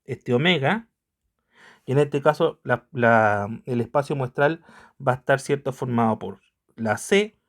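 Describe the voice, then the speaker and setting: A man's voice: medium pitch, unhurried. A man teaching an online math lesson, patient and checking in with his students at almost every step. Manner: patient, checks in constantly with tag questions.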